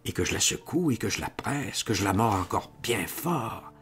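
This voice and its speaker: A middle-aged man reading a first-person novel aloud, theatrical and impassioned, dropping to a hush and then rising loud. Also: fairly low pitch, lively intonation, normal speed, soft background music. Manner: impassioned, theatrical, swinging between hushed and loud. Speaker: audiobook reader.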